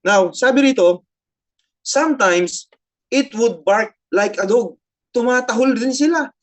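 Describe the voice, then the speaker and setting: A woman's voice: a little high, unhurried. Filipino woman preaching in a sermon. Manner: switches between Tagalog and English, repeats phrases, frequent tag questions. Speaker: pastor.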